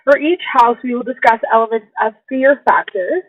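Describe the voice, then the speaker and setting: A woman's voice: a little high, moderate pace, dry recording. A woman co-hosting a podcast in casual, informal chat, giving her opinions freely. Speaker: podcast co-host. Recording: dull lo-fi makeshift recording.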